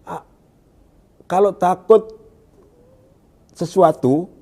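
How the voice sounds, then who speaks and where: A man from Indonesia recounts his experience in an interview, in a mellow, slightly raised voice. He talks haltingly and restarts as he hunts for the right word, then sinks to a hushed tone whenever he quotes. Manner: searching for words, halting restarts; drops to a hushed low voice when quoting. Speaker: guest giving a testimony. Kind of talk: conversational interview.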